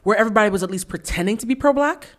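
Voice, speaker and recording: Fast-talking, blunt woman podcast host. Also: mid-range voice. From US East Coast. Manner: blunt, animated, acts out quotes. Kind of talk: candid podcast conversation.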